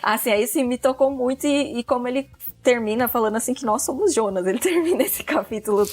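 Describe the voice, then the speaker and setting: A woman's voice: on the high side, fast, darkish tone. A woman in her thirties, chatting casually as a podcast guest, laughing often and filling her talk with fillers. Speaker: podcast guest, book club member. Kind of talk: casual chat about a book.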